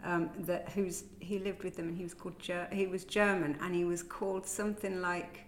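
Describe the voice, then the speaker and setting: A woman's voice: lowish voice, normal speed. A woman co-hosting a casual comedy podcast, giggling often as she chats. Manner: giggly and animated, laughs often. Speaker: podcast co-host. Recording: roomy echoey room with faint noise.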